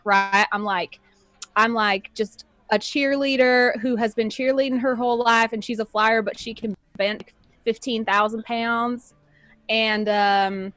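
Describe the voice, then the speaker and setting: A woman at a tabletop game table describes her character. Her talk is chirpy and rambling and thick with fillers. Her voice is slightly high, and the sound is dry and close. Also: a bit bright, no echo. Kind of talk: casual role-play character description.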